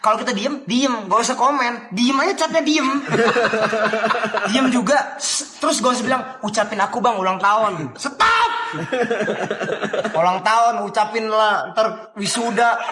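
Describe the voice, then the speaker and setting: High-voiced ranting streamer. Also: male voice, moderate pace. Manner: loud, cursing, laughing rants at chat. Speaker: live streamer. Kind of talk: ranting live-stream chat. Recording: echoey room with crowd noise.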